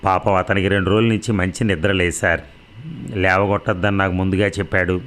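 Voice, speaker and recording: A man's voice: sits low, little pitch movement, a little fast, a bit bright. A man voicing a frightened young man who answers in a nervous, apologetic way in an audio story. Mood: nervous evasive.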